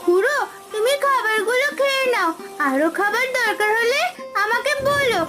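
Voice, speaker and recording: A woman voicing a kind, caring little village girl in a cartoon, earnest and gentle. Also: very high-pitched, animated, moderate pace. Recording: background music.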